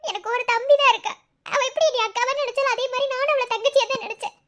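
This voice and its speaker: An upset young wife in a village cartoon, voiced by a woman with a Madurai accent. Her voice is very high and squeaky, and she sounds tearful and indignant. She keeps sighing over the trouble in the family. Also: fairly even intonation, racing, fairly bright tone. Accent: Madurai Tamil.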